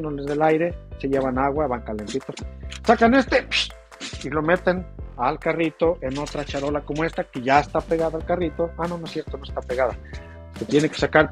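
A man, a taco vendor chatting casually on a livestream and reading viewer comments, laughing often. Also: on the high side. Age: 40s. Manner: chatty, laughs often, drawn-out playful exclamations.

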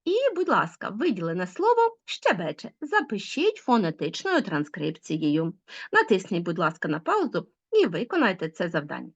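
A woman's voice: lowish voice, moderate pace, husky. Woman teaching a class online, bouncy up and down voice, kinda muffled audio. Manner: lively, explaining with rising emphasis. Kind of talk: online school lesson. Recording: dull lo-fi sound.

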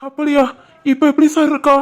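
An earnest, pleading young brother in a cartoon family drama, voiced by a woman. The voice sits rather high for a man and carries a Tirunelveli Tamil accent. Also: flat delivery, a little fast, lightly acted. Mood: worried. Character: anxious young man, devoted elder brother. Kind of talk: animated family drama voicing.

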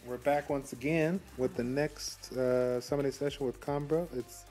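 Young guy hyped up over game pulls, rambly, talking into his phone, faint music behind. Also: mid-range voice. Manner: excitable, rambling, quick outbursts. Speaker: mobile game channel host. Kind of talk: casual gameplay commentary. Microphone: phone mic.

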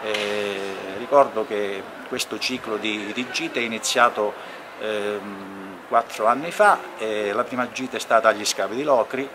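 A man's voice: on the low side, unhurried. A man in his sixties giving an unscripted spoken statement outdoors, hesitantly searching for words and repeating himself. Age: 60s. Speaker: promoter of rail trips, spokesman. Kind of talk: unscripted on-camera interview statement. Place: outdoors at a railway station entrance. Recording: faint outdoor station background noise.

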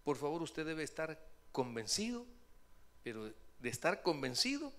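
A man's voice: on the high side, measured pace. A man, a pastor preaching a sermon and acting out a story with the voices of the people in it. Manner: lively storyteller voicing the people in his story. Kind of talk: sermon with acted-out anecdote.

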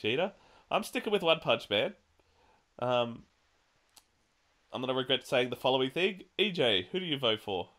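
A man's voice: mid-range voice, big pitch swings, moderate pace, pauses often, fairly bright tone. A man hosting a casual podcast panel, steering the votes and laughing often. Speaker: podcast host.

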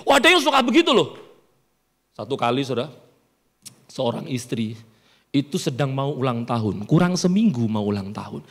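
A man's voice: mid-range voice, big pitch swings, normal speed, long pauses, a bit bright. A middle-aged man, preaching a sermon and telling jokey stories to his congregation. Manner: storytelling, joking, playful with the congregation. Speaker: pastor. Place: church hall. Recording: reverberant church hall.

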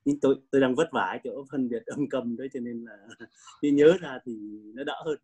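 An older man with a Vietnamese accent practicing English pronunciation, halting and repeating words as a learner. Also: medium pitch, steady tone, mellow, poor audio.

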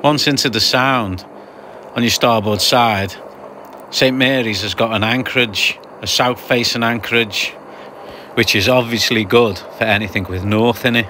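A man's voice: mid-range voice, steady tone, measured pace, pushed and bright, a little hiss or hum. A man narrating his sailing trip in a chatty, explanatory voice-over with dry humour. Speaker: sailing vlogger narrating a passage.

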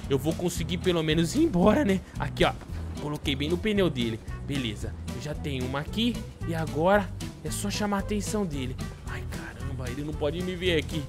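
A man's voice: a little high, expressive, fairly quick, over music. A man playing a runaway kid in a game role-play, frantic and exclamatory.

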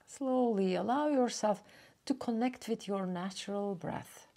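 In a mid-range voice, a woman guides listeners through a yoga nidra relaxation meditation. She keeps her speech gentle and slow, with long pauses.

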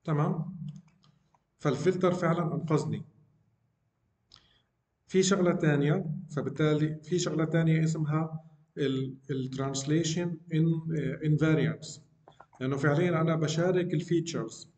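A man's voice: fairly high pitch, normal speed, long pauses, a little mellow, echoey room. A middle-aged man giving a university lecture, explaining step by step and often checking in with "okay?". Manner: explanatory, frequent check-ins asking "okay?", mixes English technical terms. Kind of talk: university lecture on deep learning.

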